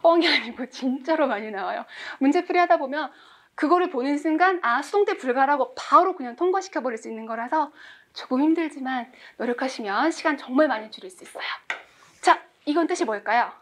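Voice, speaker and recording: High-pitched woman in her 40s teaching english, quizzes the class, cracks jokes. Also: animated, fairly quick, fairly bright tone. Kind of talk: classroom lecture.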